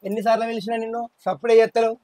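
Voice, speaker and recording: A man's voice: very high voice, flat delivery, very fast, warm tone, dry recording. A man playing a young village husband. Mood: pleading. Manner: placating, exasperated. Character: young village farmer caught between wife and family. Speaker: husband and younger brother in a village short film. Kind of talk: village family drama acting.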